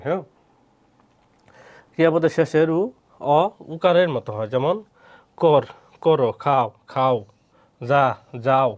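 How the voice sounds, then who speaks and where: A male teacher giving an exam-prep grammar lesson, repeating each example word slowly and putting questions to his students. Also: mid-range voice, a little mellow.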